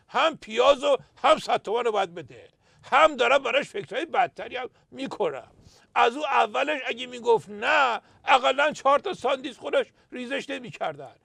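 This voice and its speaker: A man's voice: very high voice, creaky, a bit bright, no room sound, clean studio sound. A man playing a satirical pundit, telling anecdotes with punchlines and emphatic outbursts. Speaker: satirical pundit character "Doctor". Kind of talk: scripted political satire sketch.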